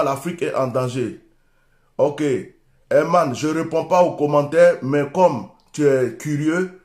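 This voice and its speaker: A man's voice: medium pitch, darkish tone, reverberant. A man with an Ivorian French accent, a preacher giving an urgent, repetitive livestream address. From Côte d'Ivoire. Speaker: preacher hosting a live stream.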